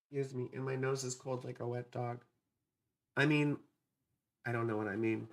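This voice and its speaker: With a steady mid-range tone at a normal speed, the host of an astrology livestream talks casually through a dry, parched vocal fry. The chat jumps around playfully, with regular affectionate digressions toward viewers.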